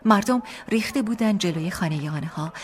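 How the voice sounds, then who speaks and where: A woman narrating a first-person story as an audiobook, hushed and intimate. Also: mid-range voice, lively intonation, crowd noise.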